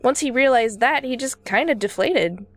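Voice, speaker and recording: A woman's voice: a little high, expressive, normal speed, no echo, close to an everyday voice. A woman reading game dialogue aloud, voicing a baby character as a world-weary old man who rambles through his stories.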